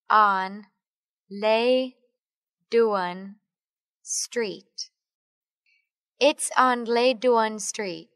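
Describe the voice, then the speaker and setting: A woman slowly reading English phrases for learners, one word at a time and then the full sentence, as a studio voice-over. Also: a little high, a bit bright, smooth, no echo. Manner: reads each word separately, then the whole sentence. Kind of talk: slow word-by-word language drill.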